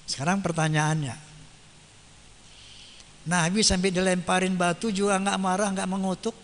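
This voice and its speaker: High-voiced male preacher in an echoing hall. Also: flat delivery, normal speed. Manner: asks the audience rhetorical questions; casual, colloquial delivery. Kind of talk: sermon. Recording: long hall reverb.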